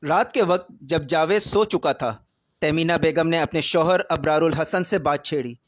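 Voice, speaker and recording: A man narrating a scripted romance story in a steady, even reading style. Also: fairly high pitch, no room sound, clean studio sound.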